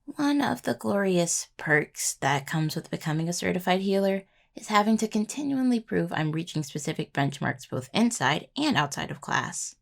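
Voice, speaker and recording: In this intimate roleplay clip, a young woman playing a sweet, anxious necromancer who studies healing vents her stress. She speaks on the low side with a creaky, gravelly texture, very animated and heavily acted, at a moderate pace, her delivery casual, rambling and hesitant.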